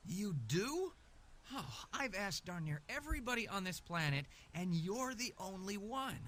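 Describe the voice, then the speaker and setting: An earnest young male adventurer from an adventure game, polite at heart but quick to rattle off grievances. His voice sits high and bright. It swings with plenty of lift. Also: sing-song, a little hiss or hum, exaggerated voice. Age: young adult. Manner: polite, then fired-up and listing insults. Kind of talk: game voice acting.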